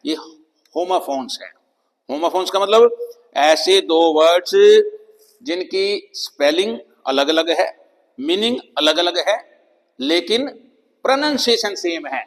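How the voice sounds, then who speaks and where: Slow-spoken Hindi-accented male teacher. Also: high voice, animated, a bit bright. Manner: slow, deliberate, spells out letters and repeats example words. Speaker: English teacher. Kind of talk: classroom-style pronunciation lesson. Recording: long reverb of a hall-like room.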